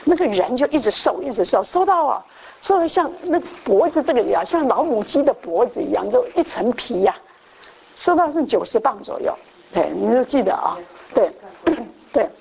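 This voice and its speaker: A woman's voice: on the high side, sing-song, moderate pace, gravelly, a little mellow. A woman preaching, telling a testimony as a sermon story with many repetitions and restarts, sometimes acting out the people she quotes. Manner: acts out quoted voices, mixing in English phrases.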